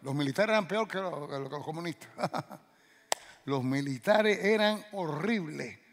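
An older man from Cuba, a pastor telling a story in a sermon, animated and acting out dialogue and sound effects. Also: on the high side, unhurried, big-room sound.

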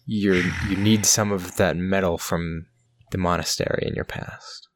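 A man narrating a tabletop game as game master, improvising with hesitant pauses mid-sentence. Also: low voice, steady tone.

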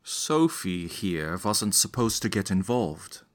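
Taking the guest role in a dramatized historical interview, an actor in his 20s portrays an earnest young student heading a resistance group and explains matters step by step. He speaks slowly in a low, very animated, full character voice.

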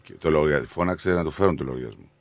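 A man's voice: extremely low pitch, dry recording. A man co-hosting a radio show, reading listener messages and answering in dry, laid-back banter.

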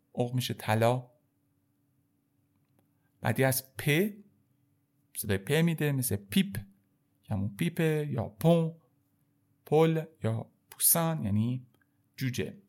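A man teaching the French alphabet in a casual spoken lesson, addressing his viewers warmly as kids and repeating each sound slowly. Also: mid-range voice.

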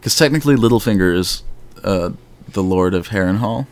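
A man chatting casually as a podcast host, rambling and animated, with the occasional swear. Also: lowish voice, brisk. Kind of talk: casual fan discussion.

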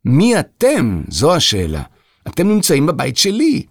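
A man's voice: a little high, huge pitch swings, no room sound, clean studio sound, voice pushed up, heavily acted. A man voicing a polite, earnest young boy composer in a children's audio story. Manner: polite, earnest, slightly prim.

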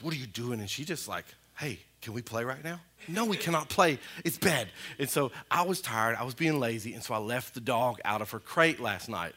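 A man, a pastor preaching a sermon in a church in a lively, conversational way with frequent asides to the congregation. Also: medium pitch. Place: church sanctuary.

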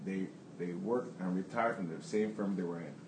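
Brief: candid male business owner, rambling restarts, deep-ish, faint room noise. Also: normal speed, echoey room. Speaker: plumbing business owner on a panel. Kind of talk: answering audience questions.

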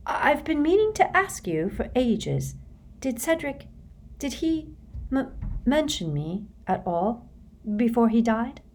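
A tearful teenage girl, as a woman reader puts her on, her voice climbing high and shrill as she cries. She sounds hurt and accusing, straining upward with emotion in a storybook reading. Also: big pitch swings, slow pace, darkish tone, a little hiss or hum, full character voice. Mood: hesitant, tearful.

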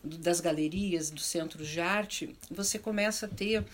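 Her low, slightly slow voice comes with a little hiss or hum in the recording. She's a middle-aged panelist on arts and culture with a southern Brazilian accent, talking unscripted and reflectively, often groping for words and rephrasing.

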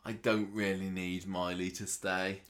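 A woman co-hosting a podcast, chatting in a relaxed way, agreeing and laughing along. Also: a bass voice, measured pace. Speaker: podcast co-host. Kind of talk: casual chat.

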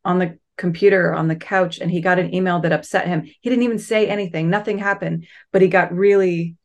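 A woman's voice: on the low side, steady tone, fairly quick, darkish tone, dull audio. A woman chatting in an enthusiastic, affectionate way and asking for advice. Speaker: guest asking questions. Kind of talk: casual chat.

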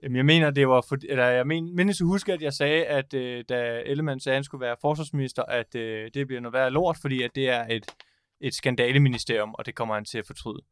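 A man on a casual comedy podcast, delivering absurd jokes in a deadpan way. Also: medium pitch, smooth, no echo, studio quality. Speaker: podcast co-host.

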